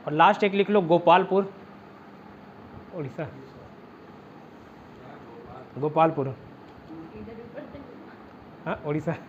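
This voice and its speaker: A high-pitched man with a Chhattisgarh Hindi accent teaches an online exam-prep class. He is chatty and keeps quizzing his students with memory tricks. The recording is dull and lo-fi, with a faint hiss behind him. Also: slow pace, long pauses. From India. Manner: chatty, repeats "theek hai", quizzes students with mnemonics.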